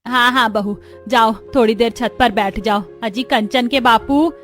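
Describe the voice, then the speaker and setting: Stern caring middle-aged mom-in-law, voiced by a woman, fairly high, cartoon. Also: steady tone, a little slow, fairly bright tone, faint music behind. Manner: scolding yet caring. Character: kind firm middle-aged mother-in-law.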